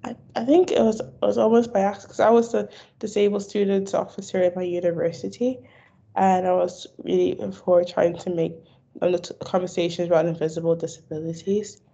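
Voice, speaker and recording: Answering questions in a video call interview from a room indoors, this young woman stammers, repeating words and starting over. She advocates for stammering awareness, and her low, mellow, husky voice has vocal fry, little pitch movement, and a slightly fast pace, all through dull lo-fi audio.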